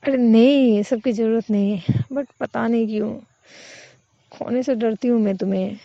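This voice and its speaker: A woman's voice: on the high side, steady tone, normal speed, vocal fry, warm tone, no echo. A woman voicing a hot-tempered young woman in love who scolds and then turns tender, in a dull, dry lo-fi recording.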